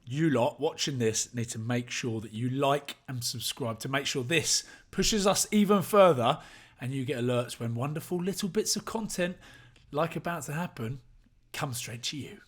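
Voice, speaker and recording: A man's voice: mid-range voice, expressive, moderate pace. A man co-hosting a podcast with casual, laddish banter, eagerly firing repeated questions. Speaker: podcast co-host.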